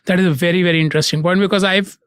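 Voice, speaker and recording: A man's voice: sits high, fairly even intonation, very fast, fairly bright tone, clear, resonant tone, no room sound, studio quality. A man hosting a podcast interview, affirming the guest and asking questions in a friendly way. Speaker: podcast host. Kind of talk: conversational interviewing.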